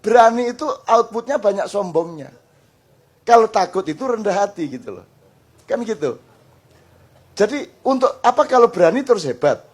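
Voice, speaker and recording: An older man preaching to a gathering, animated and joking, acting out little dialogues. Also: high voice. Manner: animated, joking, mixes in Javanese phrases, acts out dialogues. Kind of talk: lively Islamic study talk before a crowd.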